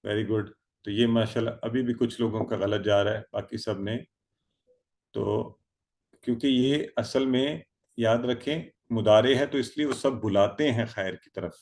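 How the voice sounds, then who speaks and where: A man's voice: medium pitch, darkish tone. A man teaching an online Arabic grammar lesson, drilling verb forms by repetition and calling on students by name over a video call.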